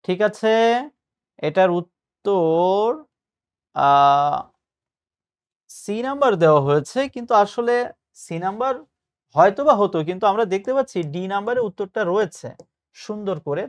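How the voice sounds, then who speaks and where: A man's voice: high-pitched, expressive, moderate pace, long pauses. Man tutoring on pronunciation. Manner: patient, explanatory, mixing English words. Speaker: admission test tutor. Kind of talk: casual spoken lesson.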